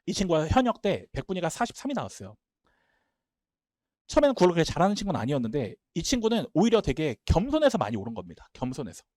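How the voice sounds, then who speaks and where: Fast, lively male lecturer. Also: fairly high pitch, dry recording, studio quality. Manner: emphatic, talks fast and animated. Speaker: Korean-language instructor. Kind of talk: admissions seminar lecture.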